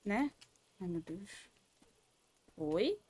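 A woman's voice: mid-range voice, big pitch swings, very slow, dark tone, husky. A Brazilian woman streaming a horror game, jumpy and scared, swearing often and talking to herself. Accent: Brazilian Portuguese. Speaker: gaming streamer. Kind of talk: live gaming commentary.

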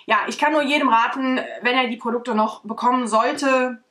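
A fairly high, fairly bright voice with a steady tone and moderate pace belongs to a young woman chatting through a makeup tutorial. She's a beauty vlogger rambling with many fillers, recorded by a desk-distance camera in her bedroom or home studio.

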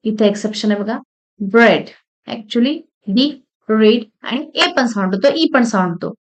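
A woman teaching English pronunciation, saying words one at a time in slow, deliberate drills with short explanations. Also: fairly high pitch, expressive. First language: Marathi. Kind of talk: pronunciation lesson reading word lists.

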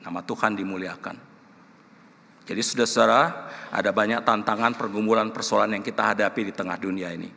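A man preaching a sermon as a pastor from Indonesia, telling a story and breaking into loud emotional shouts. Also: fairly low pitch, fairly even intonation, fairly quick, vocal fry. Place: church. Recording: reverberant church hall.

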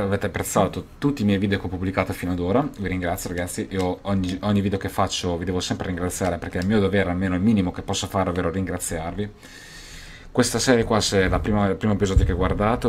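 Low-voiced excitable young man gaming. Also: slight background noise. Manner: excitable, swears and bursts into shouting. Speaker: gaming youtuber. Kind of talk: gameplay commentary.

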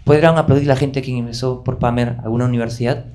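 A young adult man doing stand-up storytelling, animated and swearing, talking himself up. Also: medium pitch, fast. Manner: animated, swearing, self-addressing. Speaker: stand-up comedian. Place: theater stage.

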